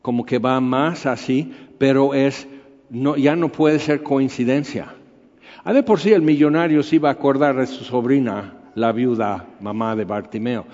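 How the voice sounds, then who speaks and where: A man's voice: medium pitch, normal speed, a little mellow. Man preaching in an echoey hall. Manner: conversational, rambling, with frequent filler words. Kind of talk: sermon. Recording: dull lo-fi recording in a reverberant hall.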